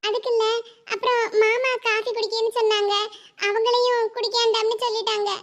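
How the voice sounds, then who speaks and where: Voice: very high voice, flat delivery, a little fast, a bit bright. கீச்சுக்குரல் புதுமணப் பெண். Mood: tearful. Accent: Kanyakumari Tamil. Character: young newlywed bride, timid and tearful. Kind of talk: cartoon voice acting.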